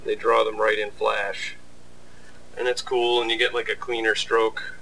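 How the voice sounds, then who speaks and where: His pitch is fairly low and barely moves, and he talks a little slowly with a bright, forceful tone. This animator and video host gives a casual behind-the-scenes narration full of sarcastic mock complaints. Faint background noise accompanies the distant-mic recording.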